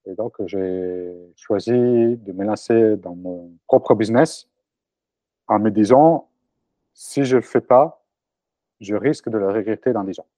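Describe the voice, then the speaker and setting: With a warm, fairly low voice and an unhurried delivery, a man from Italy in his forties, native in Italian, answers interview questions as an entrepreneur guest. He's hesitant, full of fillers and restarts, and the sound has no echo.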